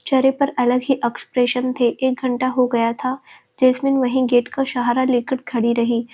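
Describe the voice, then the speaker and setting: A woman narrating a family love story as a storyteller, in a steady scripted reading. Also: sits high, moderate pace, rough recording.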